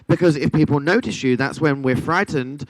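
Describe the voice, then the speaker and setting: A sassy man on a podcast panel, teasing the others one moment and earnest the next. His voice sits fairly high, and the sound is dry and close. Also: normal speed, dry recording, rough recording. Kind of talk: casual group chat.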